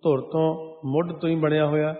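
A man preaching a sermon who slips from slow, melodic chanting of scripture into plain spoken explanation. His voice sits a little high for a man. It rings out with a long echo through a big hall, and the recording sounds dull and lo-fi. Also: flat delivery.

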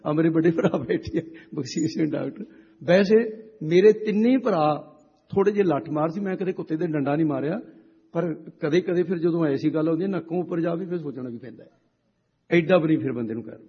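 A Sikh preacher from Punjab, a man telling a story in a sermon and acting out the dialogue with lively delivery. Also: fairly high pitch, fairly quick, slightly rough. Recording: reverberant hall, dull lo-fi sound.

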